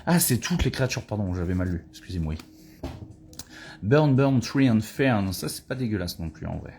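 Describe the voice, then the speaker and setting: A low-voiced man talks through a live card opening in a loose, chatty way. He swears and gets excitable over good cards. Faint music plays behind him, and he sometimes drifts away from the mic. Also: normal speed. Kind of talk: casual live booster-opening chat.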